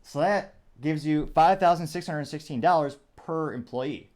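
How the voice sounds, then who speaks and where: A man's voice: on the high side, normal speed, a little mellow. A male host delivers casual political commentary. He talks in a chatty, meandering way and often thinks aloud. He drops dry, sarcastic asides along the way. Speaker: show host.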